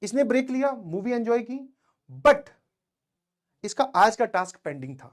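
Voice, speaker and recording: In an extremely high voice with big pitch swings, a male teacher talks unhurriedly to his students. His motivational talk is conversational, built around personal stories from his own student days, and he often checks that they're following.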